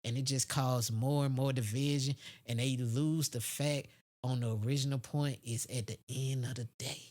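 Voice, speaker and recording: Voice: mid-range voice, fairly even intonation, moderate pace, darkish tone. An American speaker in a casual, unscripted opinion monologue, blunt and heavily profane, using street slang and repeating phrases for emphasis. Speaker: podcast host.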